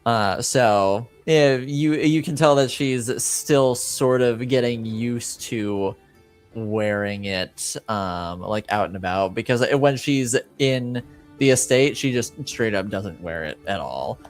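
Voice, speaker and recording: A man with a mid-range voice improvises narration as a tabletop roleplaying game master, halting as he hunts for words. Faint music plays behind him.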